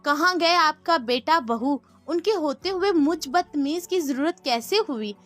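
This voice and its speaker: A woman's voice: sits high, expressive, a bit bright, faint music behind. A woman voicing a hurt young mother who speaks coldly and accusingly, read out in a storybook. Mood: bitter. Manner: cold and accusing.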